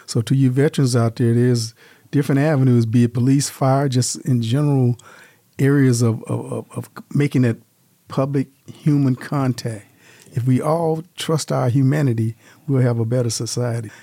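A man's voice: mid-range voice, steady tone, normal speed, mellow, dry recording. A male radio show host doing an interview in an easygoing, conversational way.

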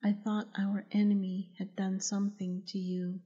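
A woman's voice: mid-range voice, completely flat delivery, normal speed, mellow, lo-fi sound, lightly acted. A woman voicing a frightened young mother held captive in a storybook, her words shaky and fearful.

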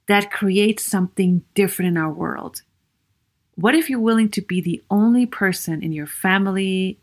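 Speaking alone on her own podcast, an Austrian psychologist with a Viennese Austrian German accent delivers an earnest, encouraging monologue. She poses many questions to listeners and fills pauses with "you know." Her voice is mid-range.

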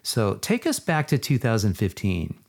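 His voice sits on the low side but swoops wildly in pitch, creaky and at a moderate pace. The man hosts a podcast, holding a casual interview via video call and chatting effusively, repeating words to stress his enthusiasm.

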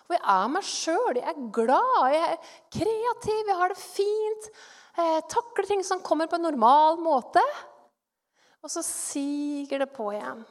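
Woman telling her faith story, high voice, big echoey hall, acts out her thoughts. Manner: animated storytelling, acting out her own thoughts. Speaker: speaker giving a testimony. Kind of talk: personal testimony. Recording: long hall reverb.

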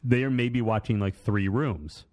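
A man co-hosting a podcast in relaxed, rambling chat, often repeating words as he talks. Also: on the low side, measured pace. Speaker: podcast co-host. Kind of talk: casual chat.

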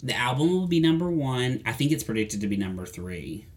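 A man's voice: medium pitch, big pitch swings, fairly quick, darkish tone. Chatty man rambling about pop music. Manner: chatty, rambling with many fillers and restarts. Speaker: podcast co-host.

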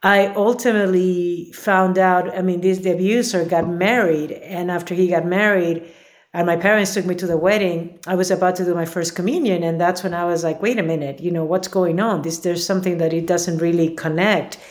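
A woman's voice: lowish voice, steady tone, brisk. A woman from Peru, a memoir author, telling her life story earnestly as a podcast guest. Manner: earnest, reflective, with many fillers. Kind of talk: personal interview.

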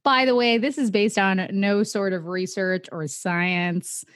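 A woman's voice: medium pitch, fairly even intonation, a little slow, fairly bright tone, no room sound, clean studio sound. A woman co-hosting a podcast on a radio station, chatting in a lighthearted, casual way. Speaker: podcast co-host. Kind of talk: casual chat. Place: radio studio.

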